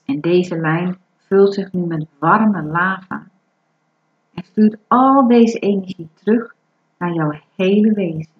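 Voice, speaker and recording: Woman leading a breathing meditation, real slow and soothing, kinda muffled lo-fi sound. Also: fairly low pitch. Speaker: meditation guide. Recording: dull lo-fi recording.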